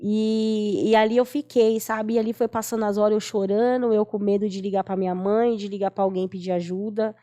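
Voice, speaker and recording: A woman's voice: medium pitch, little pitch movement, fairly quick, hardly any pauses, dark tone. Earnest Brazilian woman telling a testimony. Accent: Brazilian Portuguese. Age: 40s. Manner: earnest, storytelling, acts out quoted voices. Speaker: guest giving testimony. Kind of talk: emotional personal testimony.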